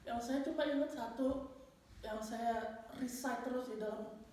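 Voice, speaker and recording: Woman, church testimony, animated storyteller, bit high, distant room mic, heavy echo, faint hiss. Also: a little slow. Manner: animated storytelling, switching into English phrases. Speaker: church member giving a testimony. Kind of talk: personal testimony at a Bible study. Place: large echoey room at a church Bible study.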